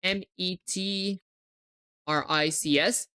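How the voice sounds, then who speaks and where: A young livestreaming coder with a hard-to-place hybrid accent takes it slowly, thinking aloud, spelling words letter by letter, and chatting with viewers. Her lowish voice is steady and smooth, with a sharp tone.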